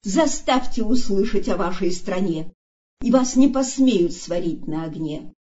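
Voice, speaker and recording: A woman's voice: fairly high pitch, lively intonation, slow pace, warm tone, highs cut off. A woman voicing a big, kind, earnest male elephant in a storybook reading, pleading and insistent. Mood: urgent pleading.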